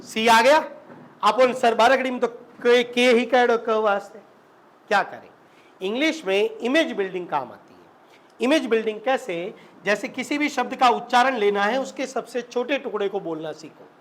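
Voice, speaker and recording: Here a man with a very high-pitched voice speaks at a moderate pace during a classroom lesson on English spelling. He quizzes his students, repeats the questions, and drifts into Rajasthani dialect.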